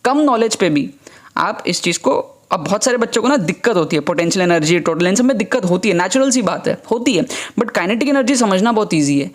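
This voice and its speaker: A man's voice: high-pitched, animated, brisk. A young man teaching an exam prep lesson in a casual, chatty way, repeating his points and checking in often.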